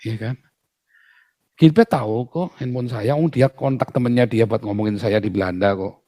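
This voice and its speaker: A man's voice: mid-range voice, moderate pace, warm tone, no echo, clean studio sound. A man, a pastor, talking in an outspoken casual way, emphatic and full of rhetorical questions.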